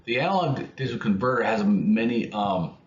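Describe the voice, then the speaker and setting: A man explaining electronics concepts in an unscripted lesson, speaking haltingly with many restarts and fillers. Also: fairly low pitch, lively intonation. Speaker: electronics educator. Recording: muffled, roomy, faint noise.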